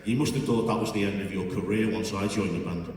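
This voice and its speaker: Low-voiced male interviewer, joking and hesitant, hall echo, distant mic. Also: fairly even intonation, quick pace, darkish tone. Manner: chatty, joking, hesitant fillers. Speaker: host interviewing a musician. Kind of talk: onstage interview. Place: festival hall. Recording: echoey hall, from far off.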